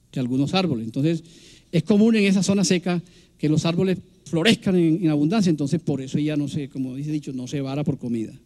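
A man, a biologist giving a public science lecture over slides, explaining in a halting way with fillers and restarts. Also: high-pitched. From Colombia. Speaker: biologist guest speaker. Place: large public event hall.

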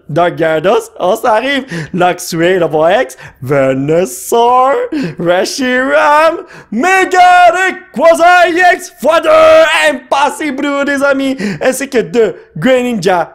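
A young man with a Quebec French accent, commenting excitedly as he opens trading card packs. He jumps into shouts, sprinkles in English slang, and his voice sounds strained from yelling. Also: high-pitched. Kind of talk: excited casual vlog commentary.

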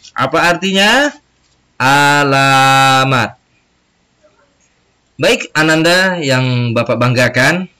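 A man's voice: fairly high pitch, bright, forceful tone. A man with an Indonesian accent teaching a recorded Arabic lesson for children, drawing out words and repeating them for pupils to echo.

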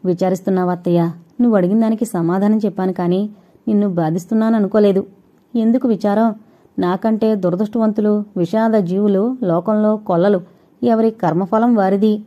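A woman reading the part of an earnest, devoted young woman in an audiobook, with soft, heartfelt pleading. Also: mid-range voice, steady tone, fairly quick, lo-fi sound, close to an everyday voice. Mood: consoling.

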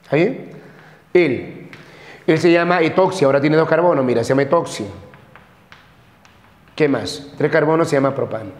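A man's voice: on the high side, moderate pace, pauses often. Man, chemistry teacher, classroom lecture, repeats terms, asks if students follow, echoey room with long reverb. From Peru. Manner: repeats terms, checks with frequent questions.

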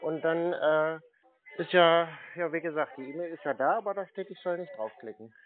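A man with a slightly high voice speaks at a moderate pace on a phone call, pretending to be a clueless customer and asking questions to bait a scammer in a casual exchange. The call audio is muffled and narrow-band, with a little hiss or hum.

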